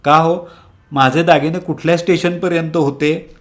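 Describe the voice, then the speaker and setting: A man voicing a loud, quick-tempered middle-aged aunt who scolds shrilly. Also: on the high side, steady tone, voice pushed up, close to an everyday voice. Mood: angry wailing.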